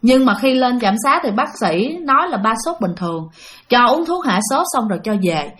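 A woman narrating a spooky spiritual story, lively and speaking straight to her listeners. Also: fairly high pitch, normal speed. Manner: animated, addresses listeners directly. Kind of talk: spoken ghost story.

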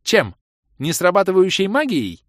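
A man's voice: on the high side, big pitch swings, a little fast, no room sound, clean studio sound, pitched above the performer's own voice. A man voicing a brash, sneering young woman adventurer in an audiobook. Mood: scornful. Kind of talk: audiobook character voice.

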